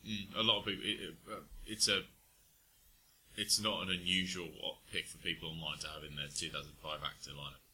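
This podcast co-host has a deep male voice, level and bright with a slight edge, and he talks fairly quickly. His casual chat wanders, full of hesitation, ums and false starts, over a faint background noise.

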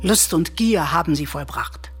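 An actress playing a consoling woman of Mycenae in a radio drama, speaking in a solemn, measured way. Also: low-pitched, expressive. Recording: radio play with soft music behind.

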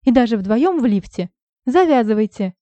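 A woman voicing a sharp-tongued, furious young woman who snaps in shrill, indignant outbursts, recorded dry and slightly dull. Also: expressive, moderate pace, dry recording, natural voice.

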